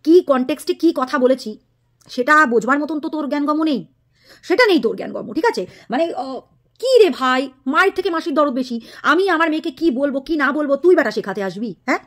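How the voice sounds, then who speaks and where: A woman's voice: high voice, lively intonation, fast. A woman, a vlogger ranting to the camera in a scolding, mocking tone. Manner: scolding, mocking, insulting a rival. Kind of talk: angry direct-to-camera rant.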